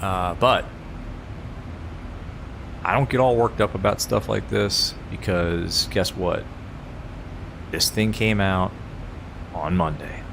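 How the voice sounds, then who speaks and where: A man's voice: slow, pauses often. A man chatting casually and informally as a flight simulator streamer. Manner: laid-back, informal. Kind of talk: casual livestream chat mixed with pilot radio calls. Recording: clear rumbling background noise.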